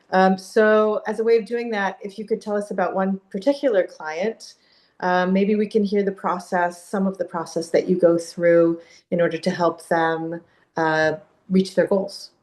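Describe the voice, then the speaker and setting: A woman's voice: mid-range voice, darkish tone. A woman hosting a member interview, asking questions in a polite, encouraging way. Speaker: interview host. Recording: echoey room.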